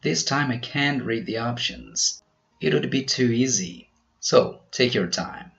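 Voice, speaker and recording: A man teaching pronunciation in a scripted quiz, slowly over-articulating each example word. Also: mid-range voice, animated, creaky, fairly bright tone, highs cut off, faint music behind. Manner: slow, careful, over-articulated delivery of example words.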